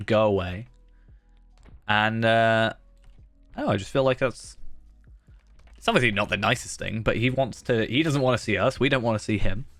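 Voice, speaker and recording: A man's voice: fairly low pitch, moderate pace, a bit bright, dry recording, soft background music. A man giving casual commentary on a game he plays, rambling and musing aloud. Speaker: gaming video host.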